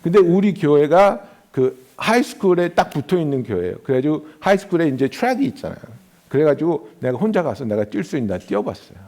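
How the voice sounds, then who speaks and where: A man's voice: a little high, sing-song, a little fast, a little mellow. A middle-aged male pastor giving a sermon, moving between solemn preaching and casual, chatty stories. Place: church sanctuary.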